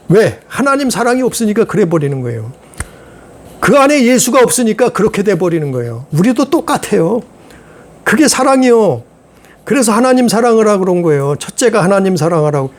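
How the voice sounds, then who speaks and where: A male pastor preaching a sermon, repeating phrases and asking the congregation rhetorical questions. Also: high voice.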